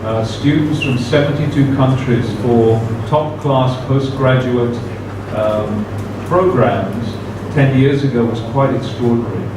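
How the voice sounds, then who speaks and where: In a university seminar room, a guy presents a formal conference talk as a guest speaker, steady and careful in a medium-pitched voice, with lots of "uh"s. The mic is distant, the room very echoey, and there's background noise.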